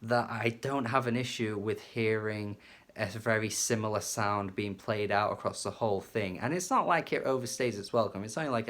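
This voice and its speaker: A man's voice: on the low side, fairly bright tone. A man casually reviewing a rock album, enthusiastic and chatty, with fillers and some swearing. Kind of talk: casual music review monologue.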